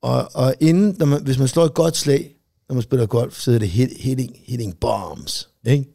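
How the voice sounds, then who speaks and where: A man's voice: mid-range voice, creaky, dark tone, dry recording, clean studio sound. A man telling a long story in casual chat, rambling, swearing freely and full of fillers. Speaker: podcast co-host.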